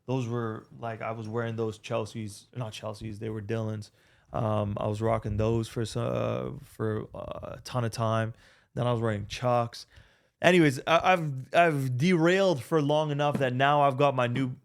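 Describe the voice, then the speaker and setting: A man's voice: medium pitch, creaky. A young man, rambling through a casual vlog with lots of fillers and restarts, into a desk microphone. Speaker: vlogger.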